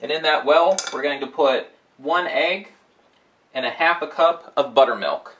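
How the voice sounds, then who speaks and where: A middle-aged man hosting a cooking show, calmly giving step-by-step recipe instructions in a home kitchen. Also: on the high side, a little slow, slight background noise.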